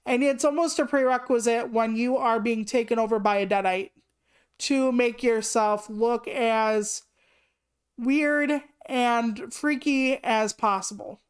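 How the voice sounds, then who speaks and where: A woman's voice: a little high, fairly even intonation, slow pace, smooth. A woman in her late thirties chatting casually on a live stream, rambling through asides and swearing freely. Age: 30s. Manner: rambling asides with many "like" fillers.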